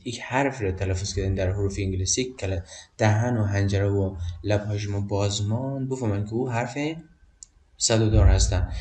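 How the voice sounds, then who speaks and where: A man with an Afghan Dari accent teaching a basic English grammar lesson, patient and repetitive, pausing often with hesitations. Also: on the low side, dark tone. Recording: roomy echo, distant mic.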